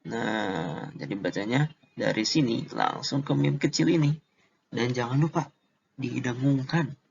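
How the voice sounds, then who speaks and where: Slow gravelly-voiced male teacher. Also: medium pitch, muffled recording. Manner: slow and deliberate, stretching out recited examples. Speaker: Quran recitation teacher. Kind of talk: casual explanatory lesson.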